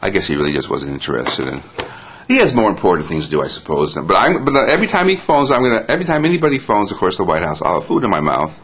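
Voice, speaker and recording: A man's voice: low voice, sing-song, fast talker, a bit bright, a little hiss or hum. A man hosting a comic monologue, acting out one-sided phone calls in a stammering, fussy, overly polite way. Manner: stammering, restarts often, polite but fussy. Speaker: comedic host. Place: indoor home studio in front of a green screen.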